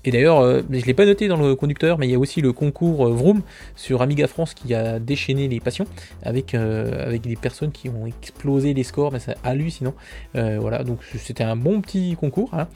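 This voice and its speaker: A man's voice: mid-range voice, fairly quick, mellow, soft background music. A man hosting a podcast, running through a casual news roundup with chatty, self-mocking asides and frequent fillers. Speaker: podcast host.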